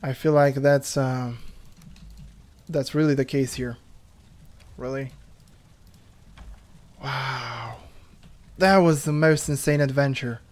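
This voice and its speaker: A man giving excitable let's play commentary, laughing and talking to himself as he plays. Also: medium pitch, slow, long pauses. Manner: excitable, laughs, talks to himself while playing. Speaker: gaming YouTuber. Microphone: headphones on, desk mic.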